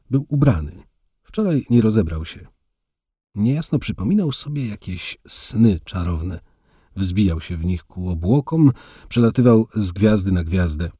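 A man narrating an audiobook story in an expressive storytelling manner. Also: lowish voice, slightly rough, no room sound, clean studio sound.

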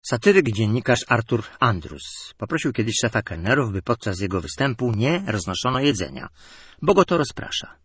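A man narrating humorous anecdotes in a lively storytelling delivery. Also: mid-range voice, moderate pace, breathy edge, dry recording, studio quality.

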